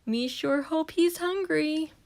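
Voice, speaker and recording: A woman voicing an excitable, kindly male cookie-loving monster from a children's storybook, with simple childlike exclamations. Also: high-pitched, slow, vocal fry, pitched above the performer's own voice, full character voice. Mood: hopeful, grateful.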